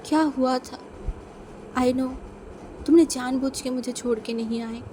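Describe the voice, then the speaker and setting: A woman's voice: high voice, steady tone, measured pace, mellow, slight background noise. A woman voicing a possessive rich young man in a storybook reading, pressing with questions and stammering apologies.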